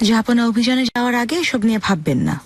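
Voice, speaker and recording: A woman's voice: on the high side, expressive, very fast. An actress dubbing a proud sultana who questions her informant in a TV drama. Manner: cool, demanding questions. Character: proud, plotting sultana of the palace. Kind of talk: dubbed TV drama. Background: music.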